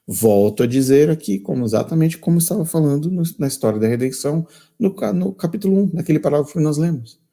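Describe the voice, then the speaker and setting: A man's voice: a little high, lively intonation, fast, gravelly, dark tone. A man with a Brazilian accent hosting a critical commentary, reading quotations aloud and repeating his points with scornful emphasis. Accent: Brazilian Portuguese. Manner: emphatic and repetitive, restating lines. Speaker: channel host.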